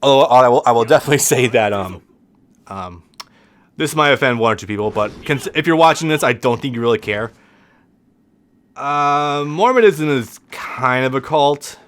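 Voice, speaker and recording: A man's voice: mid-range voice, animated, moderate pace, a bit bright. A man with a lisp giving casual, rambling gameplay commentary as a let's play host, swearing freely and restarting his sentences often. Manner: rambling, profane, frequent restarts.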